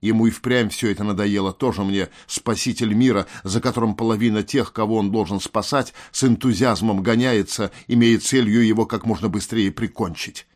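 A man reading an audiobook in a measured, slightly wry manner. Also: on the low side, fairly even intonation, a little mellow. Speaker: audiobook narrator. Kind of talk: audiobook narration.

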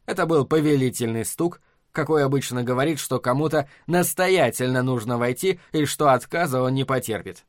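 A man narrating an audiobook in an even storytelling manner. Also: mid-range voice, moderate pace, no room sound, clean studio sound. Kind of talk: scripted narration.

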